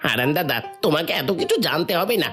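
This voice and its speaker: A woman's voice: low-pitched, sing-song, fast talker, a bit bright, soft background music. A woman playing an irritable, dismissive villager in a cartoon story. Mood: annoyed. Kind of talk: Bengali animated story dialogue.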